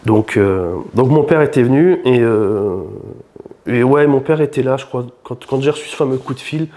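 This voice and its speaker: A man, a shop founder and podcast guest, telling his own story in a lively, informal, first-person way. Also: medium pitch, moderate pace. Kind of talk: casual storytelling interview.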